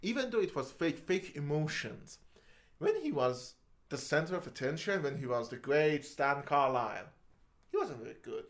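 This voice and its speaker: A man's voice: a little high, very animated, normal speed. A man co-hosting a film podcast, talking casually and animatedly, with frequent laughs and swearing. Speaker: podcast co-host.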